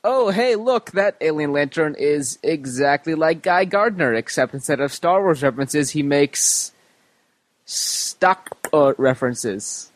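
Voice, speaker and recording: A man's voice: on the high side, expressive, measured pace. A man putting on a clumsy alien voice for a male space cop in a podcast bit. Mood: mocking. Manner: clumsy and offhand.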